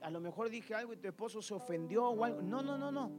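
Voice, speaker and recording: A man preaching in a church with a very high voice. He preaches in animated bursts, asking the congregation question after question and telling stories from his travels, while soft music plays underneath. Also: quick pace. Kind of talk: sermon.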